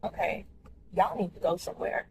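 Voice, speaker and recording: A woman chats candidly to her viewers from behind the wheel, tossing out quick animated asides. Her pitch sits in an ordinary middle range, and a faint hum of road noise runs underneath. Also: creaky, low-quality recording. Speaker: vlogger. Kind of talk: casual driving vlog monologue. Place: car, driving in the rain.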